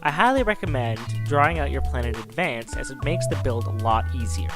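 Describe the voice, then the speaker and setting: Animated man hosting a tutorial. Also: medium pitch, a little fast, music in the background. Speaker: video tutorial host. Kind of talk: how-to presenting for a film effects tutorial.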